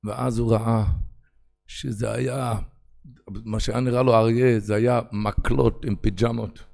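A man giving a religious lecture, telling parables and acting out their characters, moving between hushed and loud. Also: medium pitch, level tone, vocal fry. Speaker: rabbi.

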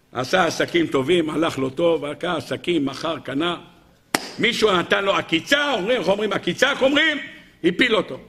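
Brief: male preacher, high, bright voice, lively storytelling sermon that acts out its characters. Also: vocal fry, breathy edge.

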